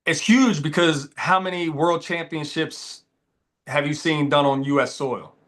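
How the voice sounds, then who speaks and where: Relaxed man hosting a casual chat. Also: fairly high pitch, measured pace. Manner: relaxed, says "man" and "dude". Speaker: podcast host. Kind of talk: casual conversation.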